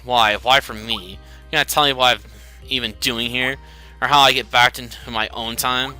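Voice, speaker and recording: A man's voice: medium pitch, fairly even intonation, moderate pace, bright, forceful tone, soft background music. A man voicing a brash, impatient young man lost in a strange world. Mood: demanding. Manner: blunt, impatient.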